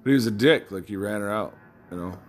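Over some background noise, a man with a lowish voice speaks quickly. He tells stories in a loose, meandering way, cursing freely and laughing as he goes.

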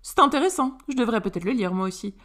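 A woman reading a sharp-tongued, teasing young woman. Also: on the high side, lively intonation, quick pace. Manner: playful, mocking banter.

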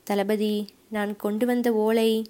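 A woman's voice: medium pitch, level tone, slow pace, dark tone, close to an everyday voice. Woman doing a polite young warrior messenger. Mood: humble. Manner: humble, respectful, firm. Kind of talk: audiobook character voice.

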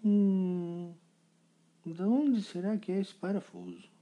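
A man's voice: high-pitched, huge pitch swings, slow, lo-fi sound, pitched above the performer's own voice, heavily acted. A man voicing a puzzled housewife in a wondering, musing tone. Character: puzzled housewife sweeping, a woman.

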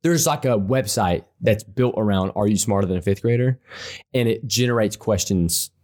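A young man co-hosting a casual podcast chat, quick and animated, laughing often. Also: lowish voice. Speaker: podcast co-host.

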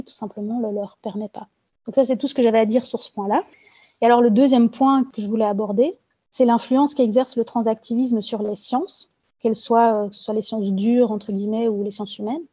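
A woman's voice: fairly high pitch, steady tone, fairly quick, warm tone, slightly rough, no echo, dull audio. A woman testifying anonymously in an interview, talking earnestly with frequent hesitations and fillers. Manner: hesitant, many fillers and restarts.

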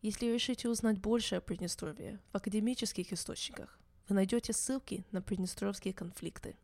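A woman who grew up in the United States, narrating her podcast in a calm, measured storytelling manner. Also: medium pitch, no echo. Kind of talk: scripted narration.

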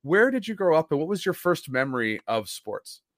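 A man's voice: a little high, big pitch swings, normal speed. A man from Canada hosting a podcast, interviewing guests in an upbeat, chatty way with frequent restarts. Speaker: podcast host. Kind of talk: casual interview chat.

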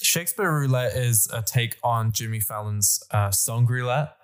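A man hosts a casual podcast, playfully steering questions and games. His voice sits at an ordinary middle pitch. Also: normal speed, clear, resonant tone. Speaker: podcast host. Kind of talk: casual chat.

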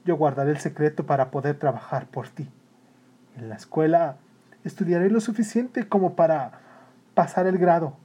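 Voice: mid-range voice, animated, a little slow, dark tone, husky, lo-fi sound. A narrator voicing a self-sacrificing young boy who speaks in a heartfelt, pleading way. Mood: resolute.

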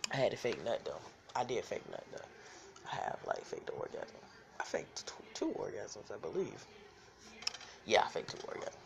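A man's voice: fairly low pitch, lively intonation, moderate pace, creaky, long pauses, background noise. A young man hosting a podcast, telling candid, profane stories and laughing often. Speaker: podcast host. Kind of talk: casual storytelling monologue.

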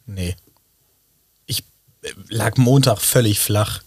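A man's voice: fairly low pitch, slow, darkish tone, slightly rough, no room sound, clean studio sound. A man from western Germany, co-hosting a podcast in casual chat, talking chattily with frequent restarts and giggles. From North Rhine-Westphalia, Germany. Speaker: podcast co-host.

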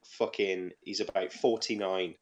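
A man's voice: low-pitched, flat delivery, a little slow. A British man in his thirties hosting a casual podcast, teasing his co-hosts with crude, mocking jokes. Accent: British English. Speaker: podcast host.

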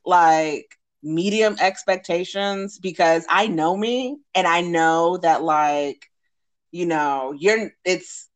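A woman co-hosting a casual chat, telling stories slowly and drawn out. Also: fairly low pitch.

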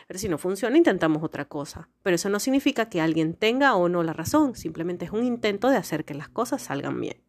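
A woman speaks as the host of a podcast in a medium-pitched voice. She delivers a conversational monologue of life advice, explaining her ideas step by step with rhetorical questions and everyday examples.

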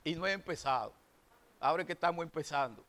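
Bright, clear-voiced preacher in his sixties. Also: on the high side, expressive, fast talker. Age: 60s. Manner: preaching with rising emphatic bursts and dropped asides. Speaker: pastor. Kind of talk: sermon.

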